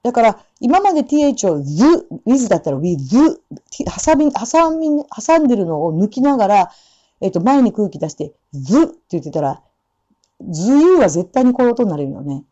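A woman teaching English pronunciation, explaining sounds and slowly repeating example phrases. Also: mid-range voice, big pitch swings, warm tone. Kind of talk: pronunciation lesson. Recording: dull lo-fi sound.

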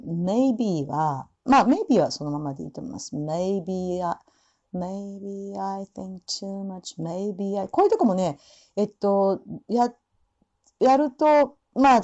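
A woman teaching English pronunciation, repeating phrases slowly and pausing on fillers as she demonstrates sounds. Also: medium pitch, lively intonation, mellow, highs cut off. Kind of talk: spoken lesson with demonstrations.

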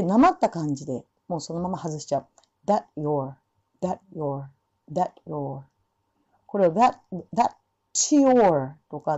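A woman teaching English pronunciation for singing, with relaxed explanations and slow spoken demonstrations of English words. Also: medium pitch. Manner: demonstrates English sounds slowly between explanations. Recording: dull lo-fi sound.

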